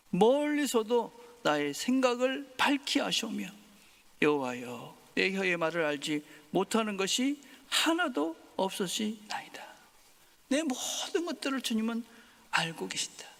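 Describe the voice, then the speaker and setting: A male pastor preaching a Sunday sermon, swinging from loud emphasis to soft whispers. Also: sits high. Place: church sanctuary. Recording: long hall reverb.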